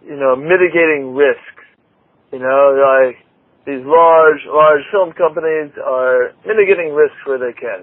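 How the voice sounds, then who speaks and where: A man's voice: mid-range voice, no room sound. A man chatting as a podcast guest, thoughtful and loose, with frequent fillers. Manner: thoughtful, laughing, lots of "you know". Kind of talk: casual conversation. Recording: dry thin phone-like line.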